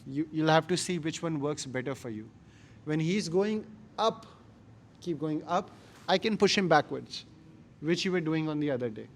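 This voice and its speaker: Male martial arts instructor, Indian accent, slightly high voice, emphatic short phrasing, live class with some background noise. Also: expressive, moderate pace. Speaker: jiu-jitsu instructor.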